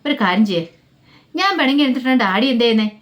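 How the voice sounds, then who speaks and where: A woman's voice: a little high, animated, rapid-fire, lightly acted. A woman voicing a chatty little girl. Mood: coaxing. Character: little girl, curious and coaxing.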